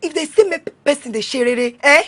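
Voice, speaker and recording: A young Nigerian woman student in a movie, with a high voice. She is boastful and brash, talking in slangy bursts with repeated words. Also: animated, brisk. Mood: excited. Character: brash, boastful young female student, aspiring campus singer. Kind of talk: film acting, street-slang banter.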